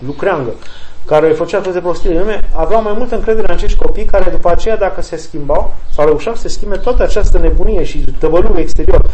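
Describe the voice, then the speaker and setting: A man's voice: high-pitched, darkish tone, slight background noise, poor audio. A man, a priest, giving an emphatic spiritual talk to an audience and answering their questions, repeating key phrases for weight.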